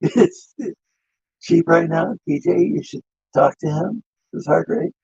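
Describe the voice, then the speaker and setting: A man calling in over his phone, his voice coming through glitchy and robotic-sounding, speaking in a halting, hesitant way. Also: on the high side, lively intonation, vocal fry, darkish tone, husky, no room sound. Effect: glitchy robotic metallic sound on his voice. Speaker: call-in guest on a voice chat show. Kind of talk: casual online chat. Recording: dull lo-fi phone call audio.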